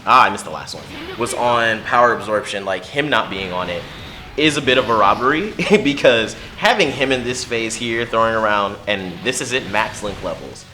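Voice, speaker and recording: This gaming channel host comments casually on his own mobile game run, addressing himself as much as his viewers. He's talkative, mutters quietly, and bursts out loudly at big hits. His voice is medium-pitched, with a little hiss or hum on the recording.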